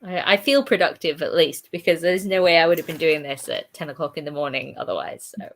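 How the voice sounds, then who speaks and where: A young woman co-hosts a writing stream, chatting casually during a writing sprint. Her voice is low-pitched and fairly quick, and she laughs often and says "like" a lot.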